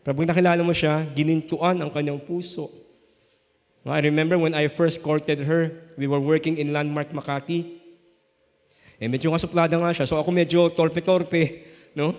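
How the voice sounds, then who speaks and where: Middle-aged Filipino male pastor, slightly high voice, humorous storyteller, echoey church hall. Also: flat delivery, moderate pace, a little mellow. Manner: humorous storytelling with frequent "no?" tags. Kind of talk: sermon. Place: church sanctuary.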